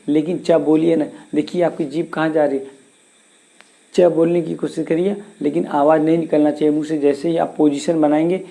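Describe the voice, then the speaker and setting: A man teaching Hindi grammar in a slow classroom lesson, repeating sounds and asking questions back to his students. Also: fairly high pitch, vocal fry, dark tone.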